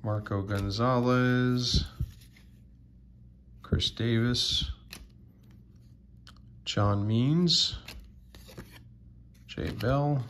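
A man casually sorting through sports cards on video, slowly reading out player names with many fillers. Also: mid-range voice, fairly bright tone. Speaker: sports card vlogger. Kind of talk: casual card sorting commentary.

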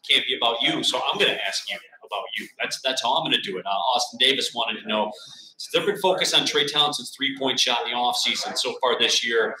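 A young man hosting a sports radio interview live from a bar, upbeat and energetic. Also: medium pitch. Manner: energetic, upbeat, fast bursts. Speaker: radio play-by-play announcer hosting. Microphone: table mic. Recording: roomy bar sound.

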